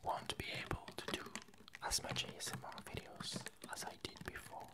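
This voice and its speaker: With ice cubes clinking in the background, an ASMR host and creator whispers a casual update to viewers, her speech halting and broken into short, paused phrases.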